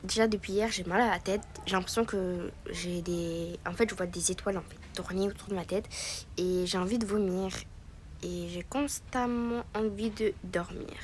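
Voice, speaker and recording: A woman's voice: medium pitch, steady tone, normal speed, slight background noise, natural voice. A woman voicing a sick young wife filming a vlog, talking weakly and tiredly, with music playing behind. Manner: weak, tired, slightly nauseous voice.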